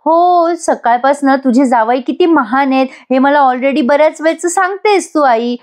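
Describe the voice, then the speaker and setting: A woman's voice: high voice, moderate pace, darkish tone, pitched above the performer's own voice, natural voice. A woman voicing a teasing young wife who bickers with her husband and mother. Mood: bickering. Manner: bickering, sarcastic retorts.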